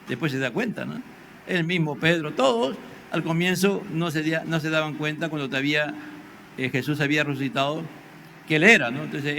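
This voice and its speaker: A man's voice: on the high side, sharp tone. An older man, a pastor with a Peruvian Spanish accent, preaching a sermon in a conversational way, often tagging "no?" and acting out dialogue. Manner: conversational preaching with frequent rhetorical "¿no?"; acts out biblical dialogue in raised voice. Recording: faint background noise.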